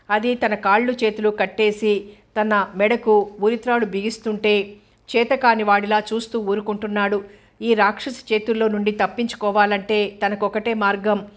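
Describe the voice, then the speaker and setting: A woman narrating an audio novel, reading in a steady, measured way. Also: mid-range voice. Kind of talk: scripted narration.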